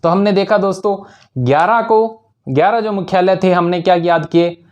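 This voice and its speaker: A man's voice: high-pitched, normal speed, darkish tone, lo-fi sound. A male teacher giving an exam-prep lesson with memory tricks, asking questions and answering them himself, and repeating key words for emphasis.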